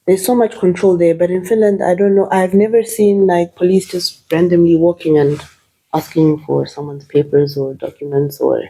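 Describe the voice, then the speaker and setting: Her low voice is soft and mellow as this Zimbabwean woman, a native Shona speaker, answers as a guest in an interview. Her delivery is hesitant, marked by fillers and restarts. Audio quality is rough.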